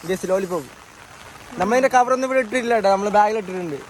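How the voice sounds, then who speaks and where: A man's voice: sits high, rapid-fire, slight background noise. A man vlogging casually on a rainy hillside trail outdoors, chatting to his viewers into a handheld phone. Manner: chatty, addresses viewers as guys. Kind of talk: casual travel vlog commentary to viewers.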